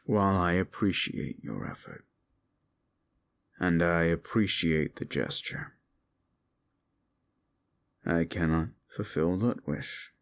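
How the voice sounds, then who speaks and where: In an audio roleplay, a man plays a brooding, scornful fallen demon, speaking slowly in a deep, gravelly voice. He commits to a full character voice, and the mood is bitter.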